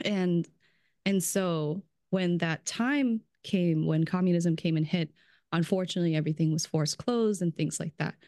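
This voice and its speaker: A woman who works as a brand strategist chats as a guest on a casual podcast. Her lowish, mellow voice moves at a normal speed, loose and talkative, full of "like" and frequent laughter, with a close, dry sound and no echo.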